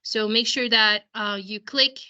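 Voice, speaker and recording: This woman, a school counselor losing her voice, talks parents through a software demo on a video call, often starting sentences over in her explanations. She sits on the high side with fairly even intonation and an unhurried pace, and the highs in the audio are cut off.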